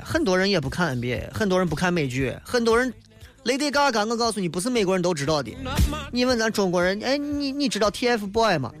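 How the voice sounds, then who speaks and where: A man with a high-pitched voice and a Shaanxi dialect accent, bantering through a comic radio monologue. He sounds wry and teasing as he knocks down misconceptions, speaking into a studio microphone with faint music underneath. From Shaanxi, China. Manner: wry, joking, mocks misconceptions in a lively banter. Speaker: radio talk show host.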